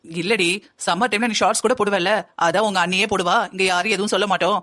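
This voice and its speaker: A woman voicing a gentle, easygoing middle-aged mother-in-law in a cartoon family story. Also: mid-range voice, fairly even intonation, fast talker, lightly acted. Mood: reassuring. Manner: gentle, reassuring.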